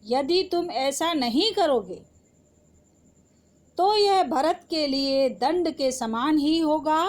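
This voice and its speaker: A woman's voice: sits high, lively intonation, slow pace. A woman teaching Hindi poetry in an online class, explaining the verse line by line and asking her students rhetorical questions.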